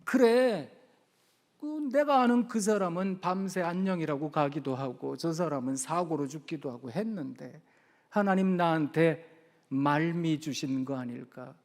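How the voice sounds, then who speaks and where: A man's voice: fairly high pitch, measured pace, long reverb tail, voice pushed down. A man voicing an elderly grandfather deacon who cries out to God and then reflects on his life. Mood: reflective.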